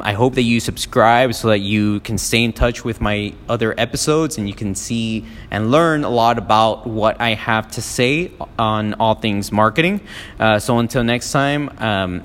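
Recorded through a phone app with a big-room sound, this medium-pitched, slightly bright male voice belongs to a podcast host from Miami, United States. He talks alone in a loose, meandering way, often saying "um" and starting over.

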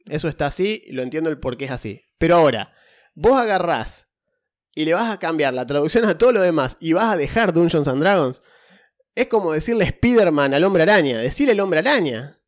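A man's voice: on the high side, big pitch swings, brisk. A man with an Argentine accent co-hosting a casual podcast chat, emphatic and prone to repeating words for stress. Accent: Argentine Spanish. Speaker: podcast co-host.

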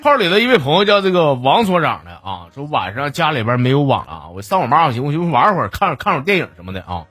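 A man's voice: fairly high pitch, big pitch swings, fast, hardly any pauses, a bit bright, faint music behind. A man with a Northeastern Mandarin accent hosting a comic radio show, telling jokey stories and reading listener messages.

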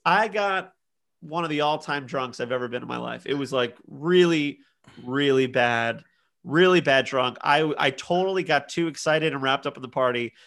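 A man's voice: medium pitch, normal speed. A man in his thirties, a podcast co-host telling a party story in casual chat and acting out the quotes. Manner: animated storyteller, acts out quotes.

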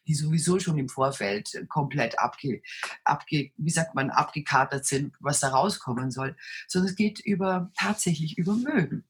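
Give this guest a woman's voice that is strikingly deep and low, with a heavily husky grain. She speaks as a self-assured leadership coach with a commanding presence, explaining her work conversationally in an interview. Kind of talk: conversational interview answers, storytelling.

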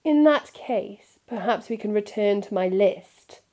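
A woman's voice: mid-range voice, lively intonation, measured pace, mellow, lightly acted. A woman voicing a cold, haughty aristocratic wizard father who speaks in a clipped, disdainful way. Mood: curt.

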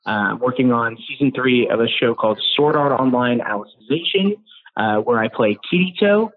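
A man's voice: mid-range voice, normal speed. An American man gives a friendly, eager phone interview as a guest. His voice sits in an ordinary middle range. It comes through a thin, tinny phone line. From United States. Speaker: voice actor guest.

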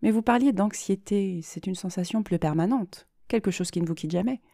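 A woman's voice: mid-range voice, a little fast, vocal fry, warm tone, dry recording, studio quality, lightly acted. Woman reading as a cool, unsmiling psychologist. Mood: calm, clinical. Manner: learned, neutral questioning tone. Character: composed, unsmiling female psychologist.

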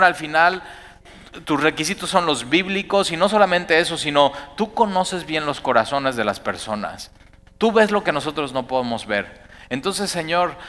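Pastor preaching, bright forceful voice kinda high, big echoey church hall. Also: male voice. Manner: animated, rising to emphatic bursts then dropping to quiet asides. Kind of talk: sermon. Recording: long hall reverb.

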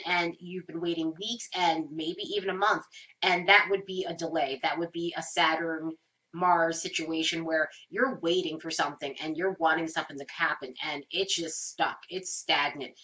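A woman's voice: mid-range voice, sharp tone, highs cut off. A woman giving a casual astrology forecast with a nasal, stuffed-up voice, as if pinching her nose from a cold, explaining things informally. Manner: informal, explains with everyday examples, occasional swearing. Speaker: astrology host.

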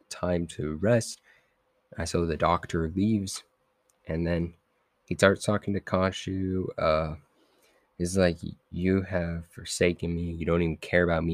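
A man's voice: low-pitched, darkish tone, no echo. A young man hosting a podcast, casually recapping comic issues in a loose, rambling way full of fillers and self-corrections. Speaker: podcast host.

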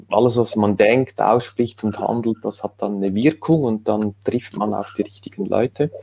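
A man, an author telling his story in a relaxed interview, rambling with many fillers and restarts. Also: fairly low pitch, creaky, slightly rough. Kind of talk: casual conversational interview.

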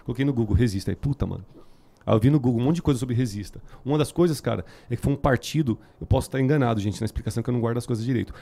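A band musician, appearing as a guest on a podcast, chats casually in very slangy street talk full of fillers, with a São Paulo Brazilian Portuguese accent. His medium-pitched voice is gravelly and warm, and he talks in a rapid-fire way.

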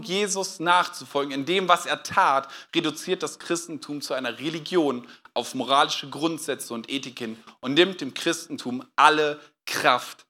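A man preaching a sermon as pastor, animated and dramatic, acting out quotes with sudden loud outbursts. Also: fairly high pitch.

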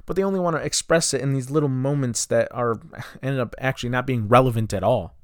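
A young man in his twenties hosts a solo podcast. His voice sits at a middle pitch, and he talks with frustration, asking question after question. The sound is close and dry. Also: fast, no room sound. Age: 20s. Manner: impassioned, frustrated, rhetorical questions. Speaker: podcast host.

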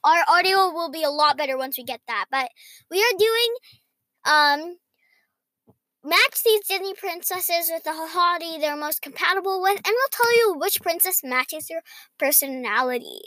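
A young girl with a very high, bright voice co-hosts a podcast. She talks casually and reads quiz questions aloud, with little room sound around her. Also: animated, moderate pace, no echo. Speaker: podcast co-host. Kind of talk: casual podcast chat, reading quizzes aloud.

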